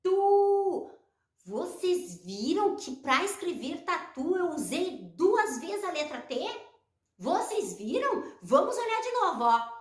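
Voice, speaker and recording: A woman's voice: sits high, sing-song, roomy sound. Sing-song Brazilian woman teaching phonics. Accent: Brazilian Portuguese. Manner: slow, sing-song and encouraging, drawing out sounds. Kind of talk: children's phonics lesson.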